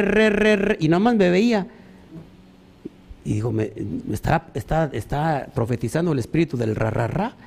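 A man preaches. His voice sits a little high, and he talks in an animated way, throwing out rhetorical questions and mimicking other people as he goes. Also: creaky. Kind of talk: sermon.

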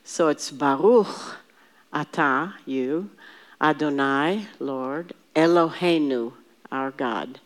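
Speaking slowly in a low-pitched voice, a woman teaches Bible study, taking words one by one and getting the group to repeat them. She thinks aloud, frequently starting her sentences over.

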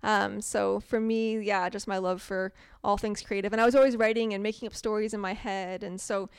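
Chatty woman with a smooth, gravelly voice. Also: medium pitch, fairly even intonation, moderate pace, dry recording, studio quality. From grew up in Morocco and Ontario. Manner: chatty, laughs easily, many ums. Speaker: podcast guest, artist. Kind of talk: casual interview chat.

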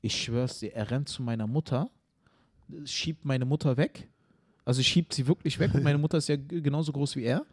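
Male comedian, podcast co-host, casual animated storyteller, mid pitch. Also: brisk. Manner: animated storyteller, tag questions, acts out scenes. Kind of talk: casual chat.

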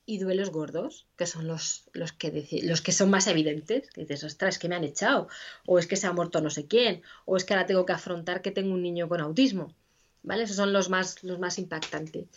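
Woman, interview guest, expressive explainer, slightly muffled recording. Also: medium pitch. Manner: animated, acts out quoted inner voices. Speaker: interview guest, grief specialist. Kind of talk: conversational explanation.

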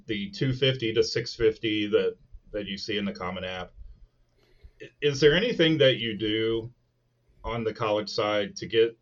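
A man's voice: fairly low pitch, highs cut off. A man co-hosting a podcast, introducing a guest in a friendly, chatty way. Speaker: podcast co-host. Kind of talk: casual podcast chat.

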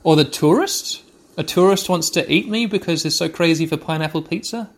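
With a fairly high-pitched voice and a slightly fast pace, a man hosts a podcast where he narrates gameplay to listeners. As he plays the video game, he keeps up a chatty, wry commentary.

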